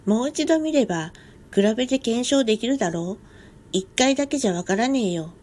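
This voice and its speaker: A woman voicing a blunt, unflappable male store coworker with casual, rough speech in a ghost story reading. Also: a little high, animated, fairly quick, darkish tone. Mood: insistent.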